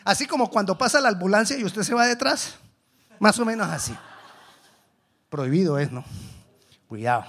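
A man preaching a sermon, swinging between loud exhortation and hushed asides, acting out the voices of biblical characters. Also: high voice, lively intonation, moderate pace, long pauses.

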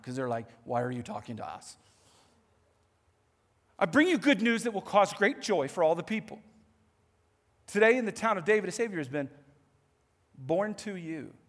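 A man preaching a sermon as pastor, animated and moving between hushed lines and emphatic ones. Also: fairly high pitch. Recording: echoey hall.

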